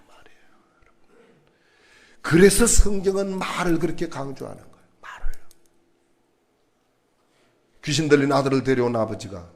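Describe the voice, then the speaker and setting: A man preaching a sermon in a church, animated and asking the congregation questions. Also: a little high. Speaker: pastor.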